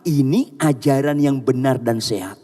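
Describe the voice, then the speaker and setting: A male pastor preaching a sermon, emphatic and rising to shouts on quoted lines, calling on the congregation to answer and clap. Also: mid-range voice, measured pace. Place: church.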